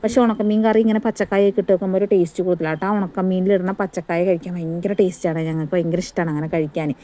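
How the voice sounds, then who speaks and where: Fast-talking Malayali woman, dark voice. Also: fairly low pitch, steady tone. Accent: Malayali, Kerala. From India. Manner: chatty, homely, often tags "kettō". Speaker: family vlogger. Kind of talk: casual cooking vlog narration. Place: home kitchen. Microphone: phone front camera on a stand, some distance away.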